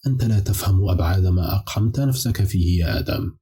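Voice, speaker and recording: A man's voice: sits low, fast talker, mellow, breathy edge. A man voicing a chorus of cold, ominous enslaved demons in an audiobook, speaking in a grave, warning tone. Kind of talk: audiobook character reading.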